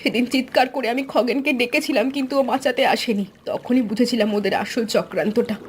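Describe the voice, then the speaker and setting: A woman's voice: fairly high pitch, fast, a little hiss or hum, natural voice. An actress playing an emotional village woman in a plaintive, melodramatic audio-story style. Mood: bitter.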